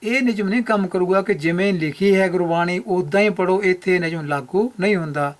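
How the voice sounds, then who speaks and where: A man's voice: sits high, fairly quick. Methodical man. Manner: methodical, repeats key rules for emphasis. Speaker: Gurbani pronunciation teacher. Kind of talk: explanatory lecture over slides.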